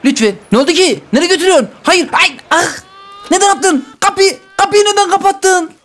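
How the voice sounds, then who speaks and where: A man's voice: extremely high pitch, fairly quick, a bit bright, voice pushed up. A man voicing a whiny, demanding baby boy who pleads and grumbles while role-playing over game footage. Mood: pleading. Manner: whining, pleading, complaining in a babyish voice.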